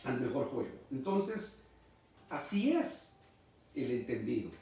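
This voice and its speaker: Middle-aged male pastor, emphatic sermon delivery, animated intonation, roomy and distant recording. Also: medium pitch, slow pace, creaky, a little hiss or hum. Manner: emphatic, preacherly. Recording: echoey room, mic far off.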